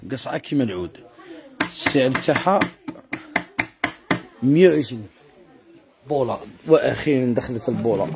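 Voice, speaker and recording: A man with an Algerian Arabic accent doing rapid sales patter in a housewares shop, calling out prices and speaking straight to customers. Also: mid-range voice. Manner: calls out prices and addresses customers directly. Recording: crowded shop noise.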